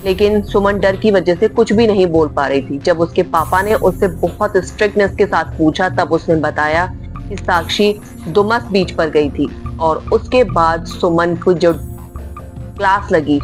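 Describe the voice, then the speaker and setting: A woman narrating a spooky horror story in a dramatic, emphatic way, often stressing how very scary things were. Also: fairly low pitch. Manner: dramatic, repeats "very much" for emphasis. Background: faint music.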